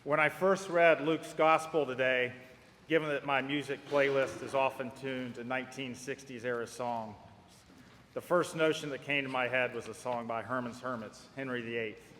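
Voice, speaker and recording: A man delivering a reflective, plainspoken sermon in a church, with a gentle touch of humor. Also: mid-range voice, steady tone, normal speed. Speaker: preacher. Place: church sanctuary. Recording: church with long reverb and faint noise.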